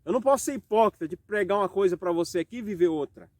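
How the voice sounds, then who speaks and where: In a high voice with no echo, a Brazilian Portuguese-accented man preaches a sermon for home worship. He reads scripture slowly and poses rhetorical questions.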